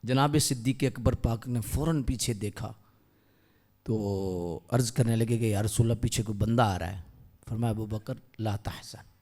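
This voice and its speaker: A man preaching a storytelling sermon, dropping to hushed tones and rising to loud cries. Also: fairly low pitch, steady tone.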